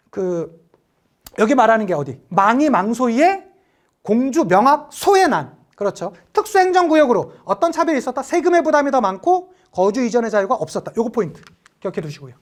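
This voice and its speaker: A woman teaching an exam-prep history class in a high voice. She fires rhetorical questions at her students, and her pitch swings widely as she acts out little quoted lines. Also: big pitch swings, brisk. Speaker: history lecturer.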